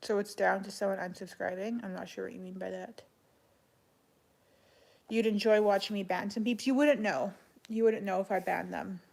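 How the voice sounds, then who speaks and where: Monotone, creaky-voiced woman chatting on livestream. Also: mid-range voice, moderate pace, long pauses. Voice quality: creaky vocal fry. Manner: flat monotone delivery. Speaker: live streamer answering chat. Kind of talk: casual livestream chat.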